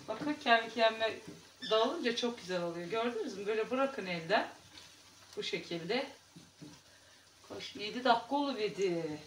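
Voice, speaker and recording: A woman's voice: on the high side, distant mic, a little hiss or hum. Chatty woman cooking in an echoey kitchen. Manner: chatty, talks to viewers while cooking. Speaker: home cooking vlogger. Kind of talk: casual cooking vlog chat. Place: home kitchen.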